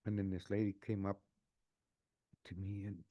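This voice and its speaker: A man in his sixties telling his own life story, unscripted and emotional, often halting and repeating words as he restarts a phrase. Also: fairly low pitch, level tone, dark tone, dry recording, lo-fi sound. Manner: emotional, earnest. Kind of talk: personal testimony, unscripted.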